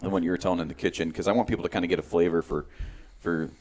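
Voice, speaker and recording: A man with a fairly low voice hosts a relaxed podcast chat. He laughs easily and keeps the talk moving with short follow-up questions. His delivery stays easygoing and conversational. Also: racing. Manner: laid-back, laughs often, asks follow-up questions. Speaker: podcast host.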